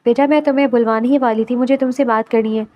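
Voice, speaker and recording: A doting, firm old grandmother, read by a woman speaks gently and coaxingly in a narrated romance. The voice sits high. It stays close to the reader's own tone. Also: steady tone, muffled recording, close to an everyday voice.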